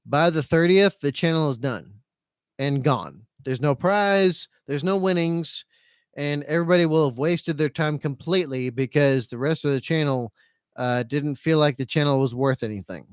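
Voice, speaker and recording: A man's voice: on the high side, normal speed, clean tone, no room sound, studio quality. A man hosting a casual live stream, reading out chat comments and rambling repetitively in a self-pitying, resigned, sweary way. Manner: rambling and repetitive, circling back over phrases.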